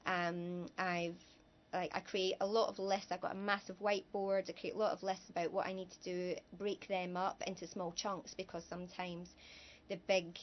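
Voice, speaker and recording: A woman's voice: on the low side, flat delivery, moderate pace, lo-fi sound, slight background noise. A woman talking casually as a guest on a talk show, chatty and a little hesitant with fillers. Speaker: guest businesswoman. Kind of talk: casual interview chat.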